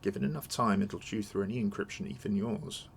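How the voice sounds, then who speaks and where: A man voicing a courteous older nobleman in a video game, measured and formal. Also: fairly low pitch, vocal fry, a little hiss or hum. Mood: businesslike. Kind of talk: read-aloud of video game dialogue.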